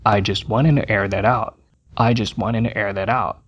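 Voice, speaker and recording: Slow husky Brazilian teacher, man. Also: fairly low pitch, fairly even intonation, highs cut off. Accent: Brazilian Portuguese. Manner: repeats English phrases slowly and carefully. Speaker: English teacher. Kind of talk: scripted language lesson.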